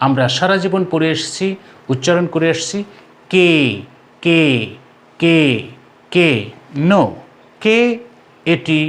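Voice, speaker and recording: A man with a Bangladeshi accent teaching an online class, slowly repeating each sound three times for the learners to copy. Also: on the high side. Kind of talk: online lesson.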